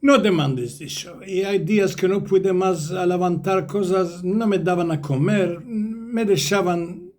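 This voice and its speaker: A man's voice: high-pitched, unhurried, a little mellow. A man with a Ladino accent voicing a worn-out old horse who mournfully recounts his hardships. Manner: mournful, repeating itself. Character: weary overworked old horse, male.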